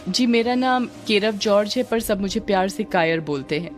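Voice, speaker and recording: A woman's voice: medium pitch, lively intonation, normal speed, close to an everyday voice. Woman doing a jumpy young village guy, exasperated, faint music. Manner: exasperated, scolding friend. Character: nervous irritable young village man.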